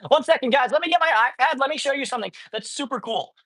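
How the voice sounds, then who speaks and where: Speaking fast in a very high, pushed, bright voice, a man livestreams casually from a cat colony, where he rescues cats. He rambles and rants with plenty of profanity, stumbling and restarting his points again and again.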